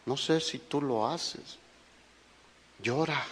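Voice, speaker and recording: Slow-preaching Mexican pastor, echoey hall. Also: male voice, medium pitch, fairly bright tone, slight background noise. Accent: Mexican Spanish. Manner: emphatic preaching with rhetorical questions to the listeners. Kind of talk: sermon.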